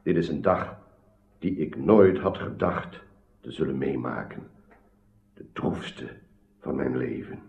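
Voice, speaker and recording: A man's voice: extremely low pitch, lively intonation, slow pace, gravelly, pauses often, exaggerated voice. An actor playing a grave, betrayed old king in a radio drama, solemn and wounded. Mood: wounded, solemn anger. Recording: slightly dull, roomy radio recording.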